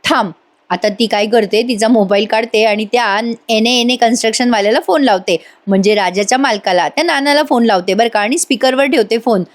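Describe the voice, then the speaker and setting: A woman's voice: a little high, brisk, few pauses. A woman who recaps a TV serial in a voice-over, chatting with viewers and speaking to them directly. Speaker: serial reviewer. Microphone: voice-over studio mic.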